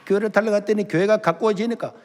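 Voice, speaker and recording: A male pastor, preaching a revival sermon built on personal testimony, dramatic and storytelling, sometimes dropping to a hush and sometimes rising loud. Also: high-pitched, steady tone, fast. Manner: dramatic storytelling, acting out quoted voices, swinging between hushed and loud. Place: large church sanctuary. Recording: long hall reverb in a large church.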